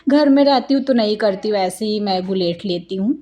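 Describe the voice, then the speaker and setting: A woman's voice: mid-range voice, brisk, warm tone, highs cut off. A woman in her thirties from India, narrating her family vlog in a chatty, rambling way full of homely asides. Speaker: family vlogger, mother.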